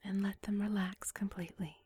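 A woman whispering a slow, soothing guided relaxation script in a breathy, hushed voice. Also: mid-range voice, flat delivery, no echo, soft background music.

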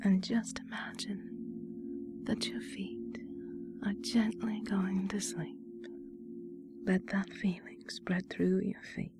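Slow whispering woman hypnotist. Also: mid-range voice, level tone, over music. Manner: soft breathy whisper, slow soothing instructions. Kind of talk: whispered guided relaxation hypnosis.

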